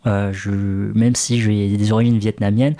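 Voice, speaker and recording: A man's voice: lowish voice, level tone, a little slow, warm tone. A man who grew up in France, talking in an interview, hesitant with many fillers. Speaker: interview guest, café co-founder. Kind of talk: casual interview talk.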